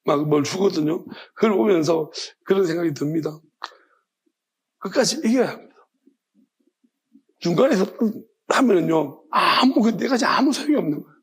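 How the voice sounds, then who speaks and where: A man pastor preaching an evening sermon, retelling a story with lively acted-out quotes. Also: high voice, moderate pace, long pauses, slightly rough. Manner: animated storytelling, acting out quoted lines.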